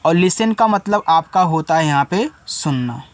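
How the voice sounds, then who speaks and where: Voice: mid-range voice, lively intonation, measured pace. A teacher giving a spelling lesson, sounding out English words letter by letter, explaining each step and asking students questions.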